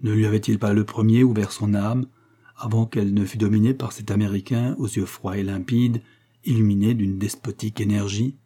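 A man reads a novel aloud in a low, mellow voice with a slightly husky edge. His delivery is measured and literary, paced like a careful audiobook narration. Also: steady tone.

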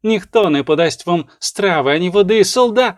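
A man's voice: a little high, sing-song, moderate pace, darkish tone, dry recording, studio quality. A man voicing a fierce, indignant abbess. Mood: defiant. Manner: raised, indignant. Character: defiant elderly abbess, proud and fierce. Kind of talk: audiobook character reading.

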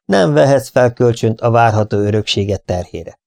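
A man's voice: medium pitch, animated, gravelly, a little mellow, no room sound, clean studio sound. A man reading an audiobook, voicing a stern and blunt old aunt over 60.

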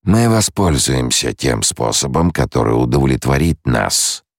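Audiobook villain: a scheming male shapeshifter, slow taunting bargainer, read by a man with a very deep, dry voice. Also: sing-song, vocal fry, dry recording, full character voice. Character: cunning male face dancer, scheming menace.

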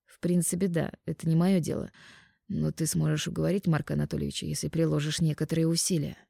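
A woman's voice: low-pitched, level tone, fast, gravelly, dark tone, breathy edge, dry recording, studio quality, exaggerated voice. A woman voicing a pushy young man who haggles, in an audiobook reading. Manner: pushy, wheedling bargaining. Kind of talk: audiobook narration.

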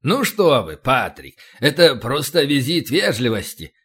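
A man's voice: medium pitch, big pitch swings, measured pace, a bit bright, slightly rough, heavily acted. A man voicing an evasive, fawning male governor who mumbles apologetically in an audiobook. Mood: placating.

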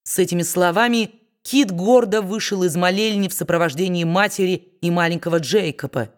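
A woman reading a novel aloud in steady, measured audiobook narration. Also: on the low side.

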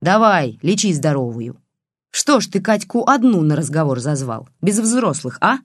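A woman's voice: deep voice, big pitch swings, normal speed, slightly rough, dry recording, studio quality, heavily acted. A reader voicing a furious one-eyed old village woman who scolds and curses shrilly. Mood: scornful. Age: older.

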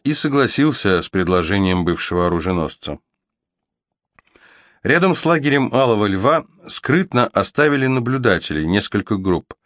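A man narrating a fantasy novel as an audiobook, reading with steady, even storytelling. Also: mid-range voice, no room sound, clean studio sound.

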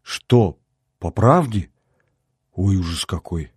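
A man reading an audiobook, voicing a suspicious young woman who needles and scolds in quick remarks. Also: low-pitched, expressive, husky, dry recording, studio quality, heavily acted. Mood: startled. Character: sharp, jealous young woman, suspicious girlfriend. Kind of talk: audiobook character voice.

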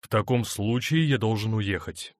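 A man's voice: fairly low pitch, normal speed, dry recording, studio quality, lightly acted. A man doing an impatient lovesick young man. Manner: insistent, impatient.

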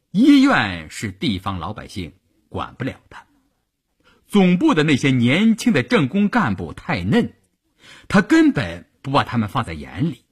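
A man reading a novel aloud as a storyteller, in a measured, expressive way. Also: mid-range voice, breathy edge.

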